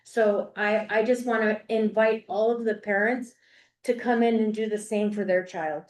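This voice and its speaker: In an echoey meeting room, a grandmotherly older woman addresses the school board with a sincere, meandering comment, circling back to the same points again and again. Her voice is medium in pitch and somewhat dark, with a steady tone and moderate pace.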